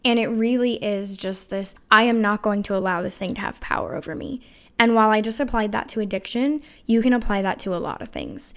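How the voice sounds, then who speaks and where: A woman's voice: mid-range voice, brisk, fairly bright tone. A woman in her thirties hosting a reflective solo podcast, speaking in an earnest, confessional way with casual fillers, her voice showing emotion as she talks. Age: 30s. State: emotional, voice wavering. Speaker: podcast host.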